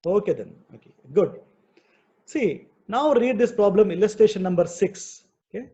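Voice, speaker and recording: High-voiced Indian male teacher, muffled audio. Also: very animated, moderate pace, warm tone. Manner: didactic, repetitive, frequently checking with "okay". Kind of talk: online lecture explaining worked problems. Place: online video class. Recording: dull, muffled video-call audio.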